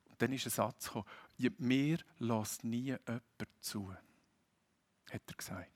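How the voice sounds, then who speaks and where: A middle-aged man with a Swiss German accent preaching a sermon, earnest and appealing, rising emphatic and dropping soft. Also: medium pitch, fairly even intonation, normal speed.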